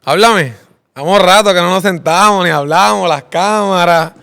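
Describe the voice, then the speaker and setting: A man hosting a relaxed sit-down interview, his voice smooth and clear and sitting a little high. He sounds upbeat and keeps tossing in a quick questioning filler as he talks. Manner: upbeat, repeats "¿verdad?" as a filler. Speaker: interviewer host. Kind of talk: casual interview.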